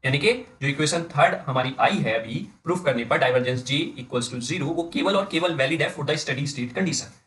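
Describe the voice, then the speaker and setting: A man with an Indian accent giving an engineering lecture, dictating slowly word by word and often checking in with his students. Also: medium pitch, fairly bright tone, rough recording. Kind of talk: blackboard-style lecture in mixed Hindi and English.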